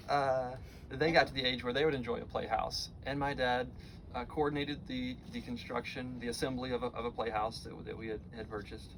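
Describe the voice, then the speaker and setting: A middle-aged American man giving a heartfelt eulogy for his father, speaking tenderly and haltingly, with pauses and repeated words. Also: mid-range voice, background noise. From Florida, United States.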